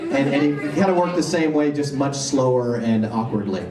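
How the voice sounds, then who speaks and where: A man answering fan questions at a convention panel, telling animated anecdotes and acting out the voices of people in his stories. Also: medium pitch, brisk, a crowd in the background. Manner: animated anecdotal storytelling, acts out quoted voices. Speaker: convention panel guest voice actor. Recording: roomy hall, recorded from far off.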